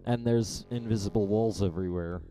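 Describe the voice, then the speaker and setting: A man playing through a game on stream, giving low-key, muttered reactions and comments. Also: brisk, dark tone, poor audio. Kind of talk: casual gameplay commentary. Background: game music.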